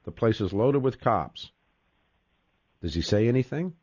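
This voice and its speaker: A man's voice: lowish voice, animated, a little slow, a little mellow, slightly rough, no room sound, lo-fi sound. A man hosting a casual discussion, talking emphatically, repeating words and cutting in often. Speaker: podcast host.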